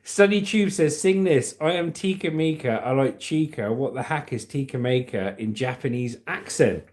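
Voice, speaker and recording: A man's voice: mid-range voice, lively intonation, moderate pace, a little mellow. A man hosting a casual livestream, reading out viewer comments and joking about them. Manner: jokey, reads viewer comments aloud. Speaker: livestream host.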